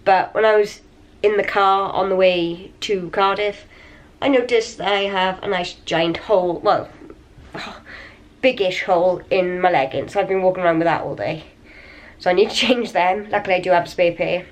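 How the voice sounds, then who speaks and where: A woman chatting casually to her camera in a hotel room, slightly raspy and a little wheezy from a cold, rambling and tired. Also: on the low side, fairly even intonation, normal speed, slight background noise. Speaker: vlogger. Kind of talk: casual vlog chat to camera. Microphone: handheld camera.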